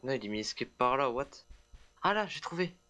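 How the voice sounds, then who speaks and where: A man's voice: medium pitch, very animated, fairly quick, sharp tone. A man chatting casually with fellow players during a multiplayer game.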